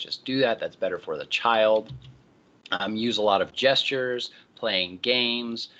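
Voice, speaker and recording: A man lecturing a class, explaining in a relaxed way with many ums and uhs. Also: lowish voice, muffled recording.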